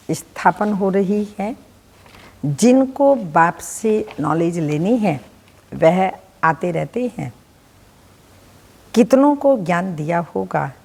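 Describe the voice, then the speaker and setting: A woman with a Hindi accent giving a measured, deliberate devotional reading of a spiritual discourse. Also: fairly low pitch, gravelly, darkish tone, big-room sound, poor audio. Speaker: spiritual teacher reading the daily lesson.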